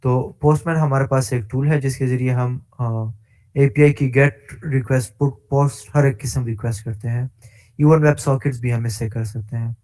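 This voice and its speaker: A male instructor walking through a coding tutorial step by step, pausing with frequent hesitations and mixing English tech terms into his speech. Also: mid-range voice, fairly even intonation, warm tone. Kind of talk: screen-share coding tutorial.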